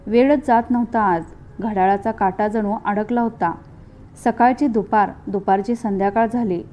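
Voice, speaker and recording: A woman storyteller giving a calm, measured, heartfelt scripted narration. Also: mid-range voice, a little hiss or hum.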